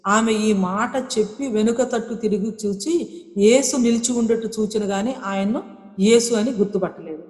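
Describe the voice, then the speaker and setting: A woman's voice: mid-range voice, normal speed, a little mellow, faint music behind. Earnest woman preaching in an echoey hall. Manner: earnest, repeats key phrases, mixes in English words. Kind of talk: sermon. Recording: echoey hall with long reverb.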